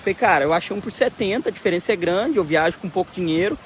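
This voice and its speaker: A Brazilian man telling a travel story in a casual vlog, excited and full of slang, recorded outdoors by the sea on a handheld camera. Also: high-pitched, fast talker, slight background noise. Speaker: travel vlogger.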